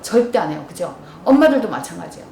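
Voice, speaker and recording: Fast-talking woman lecturer, far off in a roomy hall. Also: fairly low pitch, sing-song, vocal fry, dark tone, a little hiss or hum. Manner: storytelling, asks the audience questions. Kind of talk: lively lecture with acted dialogue.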